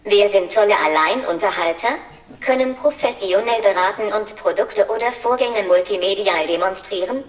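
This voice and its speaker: A woman's voice: mid-range voice, moderate pace. A synthetic female voice of a humanoid service robot, speaking in polite, cheerful assistant phrases during a scripted demo. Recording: roomy and far from mic.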